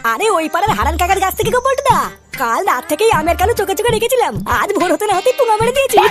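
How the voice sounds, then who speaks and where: A woman voicing a cheeky young male sidekick in a cartoon who boasts excitedly about petty theft. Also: extremely high pitch, rapid-fire. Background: background music.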